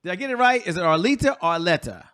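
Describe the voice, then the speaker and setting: Peppy guy hosting a business talk show, kinda high voice, hypes everything up. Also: very animated, very fast, sharp tone, smooth. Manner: enthusiastic, repetitive emphasis. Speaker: show host. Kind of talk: energetic interview talk.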